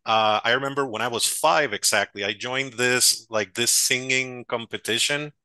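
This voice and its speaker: This is a Costa Rican man, a guest writer, telling stories on a video call. He is amused by his own tales, and his voice is bright and forceful. The sound is dry and close, picked up by a headset. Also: medium pitch, normal speed, clear, resonant tone, dry recording. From Costa Rica. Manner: warm storytelling, self-amused, gestures while talking. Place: home room, video call.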